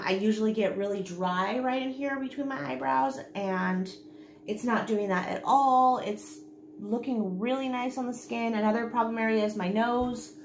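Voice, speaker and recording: A woman in her thirties chatting casually through a makeup tutorial as a beauty vlogger, repeating herself for emphasis. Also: a little high. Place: small indoor room at home, seen on camera. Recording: roomy home recording with faint noise.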